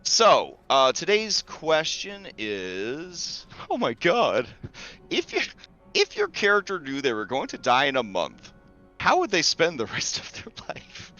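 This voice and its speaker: A man's voice: fairly high pitch, wildly swooping pitch, measured pace, pushed and bright. A man chatting casually and a bit ramblingly as the game master of an online tabletop session. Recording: dull lo-fi mic, faint music. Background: faint music.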